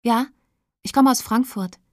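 A woman voicing a shy, gentle teenage schoolgirl in a storybook reading, speaking softly and politely. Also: a little high, measured pace, dry recording, clean studio sound, voice pushed up, natural voice. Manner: soft, polite.

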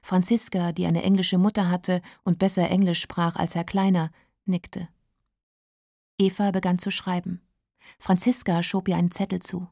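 A woman narrating a novel as an audiobook, calm and measured. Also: on the low side, vocal fry, no echo, studio quality.

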